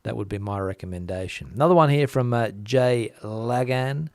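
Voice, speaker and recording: A man at a middling pitch chats through viewer comments in a loose, thinking-aloud way, pausing on fillers and restarting. The recording is dry and close, with no room around his voice. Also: darkish tone, dry recording. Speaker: host reading viewer comments. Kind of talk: casual commentary.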